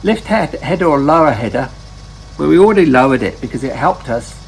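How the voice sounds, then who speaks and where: A man hosting his own gaming channel, giving relaxed gameplay commentary and often correcting himself mid-sentence. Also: a little high, a little fast, creaky, a little hiss or hum, poor audio.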